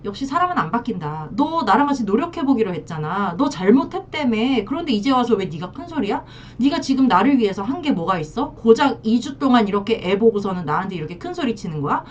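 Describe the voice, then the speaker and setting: A woman's voice: a little high, big pitch swings, quick pace, few pauses, distant mic, muffled recording, slight background noise. Woman acting out a scornful, defiant wife. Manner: scornful, combative. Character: defiant cheating wife threatening divorce.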